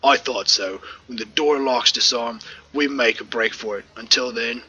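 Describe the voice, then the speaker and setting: Grim mercenary boss, game dialogue, a man reading it plainly with a bright, forceful tone. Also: medium pitch, moderate pace, slightly rough, low-quality recording.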